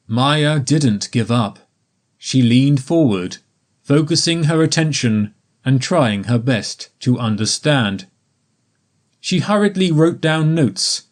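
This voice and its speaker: A man narrating a graded story for English learners in a slow, careful, evenly paced reading. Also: mid-range voice.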